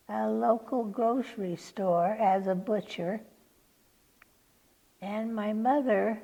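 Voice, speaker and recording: A woman reminisces in an interview, speaking haltingly with pauses, in a slightly dull recording. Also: mid-range voice, creaky, a little mellow. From California, United States. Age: 80s. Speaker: oral history interviewee.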